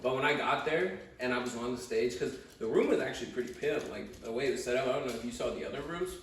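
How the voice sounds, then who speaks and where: A young man hosts a podcast as a casual chat with friends, talking fast in a mid-range voice and bantering in slang with plenty of swearing. The room is echoey, the mic distant, and there's background noise.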